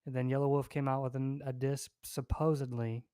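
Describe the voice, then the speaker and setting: A man's voice: medium pitch, flat delivery, a little fast, dark tone, clean tone, dry recording. A man co-hosting a casual podcast chat, teasing his friend and riffing on crude jokes. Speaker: podcast co-host.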